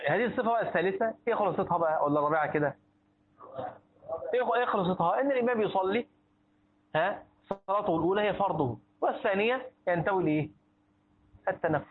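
A man's voice: sits high, slightly rough. A man teaching a class on Islamic jurisprudence in colloquial Egyptian Arabic, quizzing his listeners and repeating and restarting words as he goes. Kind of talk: colloquial Egyptian lecture with questions to students. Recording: tinny phone-like lecture recording.

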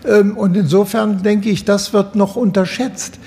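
A man's voice: high voice, fairly even intonation, unhurried, creaky, mellow, long reverb tail. A man speaking as a guest in a radio panel discussion, academic and long-winded in his sentences.

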